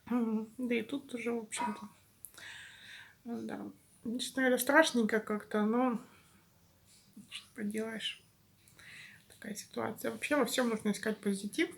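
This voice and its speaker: A woman's voice: on the high side, steady tone, normal speed, pauses often. A woman vlogger, chatting casually and confidingly to her followers in a rambling, informal way. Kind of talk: casual vlog chat to followers. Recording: clear background noise, home-made vlog.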